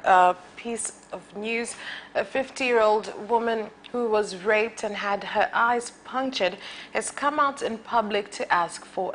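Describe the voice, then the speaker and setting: A woman news anchor reading scripted stories in an even, formal way. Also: medium pitch, slight background noise.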